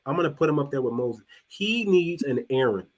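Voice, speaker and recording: Speaking a little fast and in an animated way, a male podcast host chats loosely on a casual talk show. He often repeats or restarts words, lowering his voice when he wants to stress a point.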